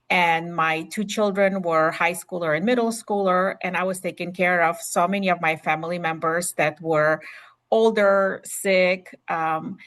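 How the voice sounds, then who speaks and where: Over a video call, a middle-aged Ukrainian nurse practitioner presents a webinar in a lowish, fairly bright voice with a Ukrainian accent. Her delivery is chatty and loose, packed with fillers and false starts.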